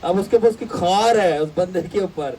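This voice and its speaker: A man lecturing a Bible class in an animated storytelling way, slipping English phrases in. His voice is fairly high yet mellow and dark in tone. He is picked up from some way off the mic, with faint noise behind. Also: distant mic, poor audio. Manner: animated, acts out voices in anecdotes; mixes English phrases into Urdu. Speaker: pastor teaching a Bible class.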